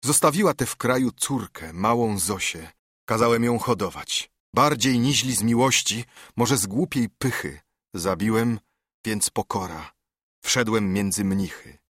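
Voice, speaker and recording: A man voicing a dying older monk, once a proud nobleman, giving a grave, measured confession in a verse audiobook reading. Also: on the low side, a bit bright, no room sound, clean studio sound. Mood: confessing.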